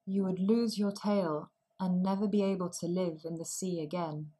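A woman's voice: fairly low pitch, fairly even intonation, normal speed, dark tone, lightly acted, low-quality recording. A woman voicing a grave old grandmother mermaid.

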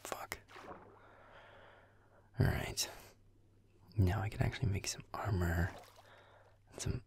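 Here a young man's werewolf boyfriend character is grumpy and sardonic, grumbling deadpan mid-game in an intimate audio roleplay. He whispers slowly in a deep, breathy, gravelly murmur, pushing it into an exaggerated voice.

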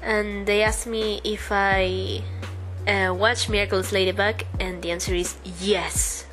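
Over a speedpaint video with soft background music, a young artist from Uruguay answers viewer questions in a mid-range, level voice at a measured pace. A native Spanish speaker with a Spanish accent, she chats hesitantly with lots of ums and restarts, and the audio is poor.

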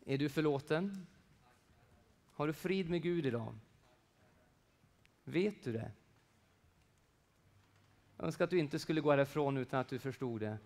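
Swedish man preaching, loud then hushed. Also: on the high side. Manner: swings between loud emphatic peaks and hushed, near-whispered passages; conversational, with asides and everyday examples. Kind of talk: sermon.

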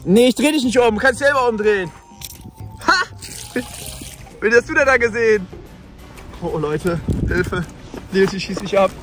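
A young man vlogging from a boat on cold water, loud and exclaiming to his viewers, freezing and shivering. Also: sits high, normal speed, soft background music. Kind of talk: excited outdoor challenge vlog.

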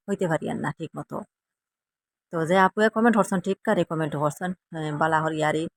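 A woman's voice: low-pitched, dry recording, studio quality. A woman from Assam with a Sylheti accent, chatting to viewers in a casual cooking vlog in a rambling, chatty way. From Assam, India. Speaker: vlogger.

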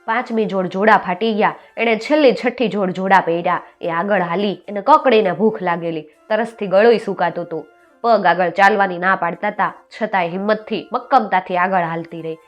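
A woman storyteller narrating a fairy tale in a steady, expressive manner. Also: medium pitch, fairly quick, highs cut off, soft background music.

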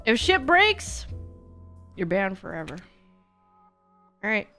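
A young woman's mid-range voice swings widely in pitch, slow, pushed and bright, over soft background music. She is a video game streamer and speedrunner chatting casually and candidly while she plays, swearing freely and thinking aloud into a close microphone in her small indoor home streaming room.

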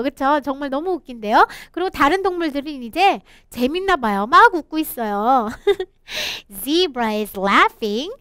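Woman, children's English teacher, slow bouncy delivery, dry close mic. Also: high-pitched, a bit bright, dry recording. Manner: slow, encouraging, sing-song reading with laughs. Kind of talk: children's picture book English lesson.

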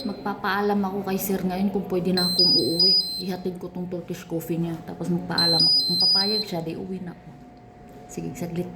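A woman's voice: lowish voice, little pitch movement, brisk. Lady chatting to herself on her phone vlog at work, roomy echo, noisy behind. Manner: chatty, laughs often, talks to herself. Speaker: vlogger. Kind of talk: casual vlog talk. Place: office at work. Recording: echoey room with background noise.

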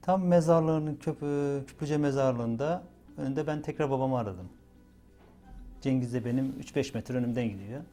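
Dark-voiced man recalling a night. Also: mid-range voice, moderate pace, faint music behind. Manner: retells events with many repeated "dedim" and "böyle" fillers. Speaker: witness interviewed for a documentary. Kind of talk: emotional first-person recollection.

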